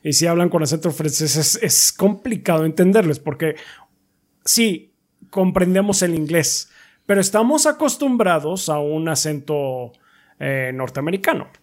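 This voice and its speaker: A man's voice: a little high, animated, moderate pace. A man with a Mexican accent co-hosting a casual podcast chat, chatty and jokey. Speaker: podcast co-host.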